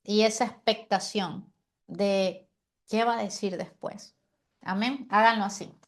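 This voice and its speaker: A woman gives a chatty lesson on preaching. She lets pauses hang on purpose and often checks in with her listeners. Her voice sits at a middling pitch. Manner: animated, uses deliberate pauses and demonstrations; frequent rhetorical "¿sí?" and "amén". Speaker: preaching teacher. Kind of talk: conversational teaching on preaching.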